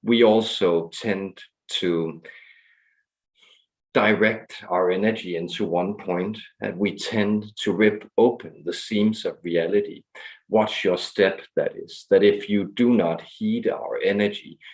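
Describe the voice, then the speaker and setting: A man channels an otherworldly alien guardian in a low voice. The delivery is slow, measured and formal, like an ominous, grandiose proclamation from a collective of star beings. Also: steady tone, low-quality recording. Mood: ominous, warning.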